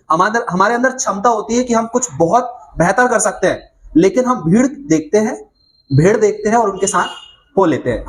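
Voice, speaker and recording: A man's voice: sits high, a bit bright, rough recording. A man telling a motivational story, in an earnest, emphatic way with much repetition, checking in with his listeners. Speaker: motivational speaker.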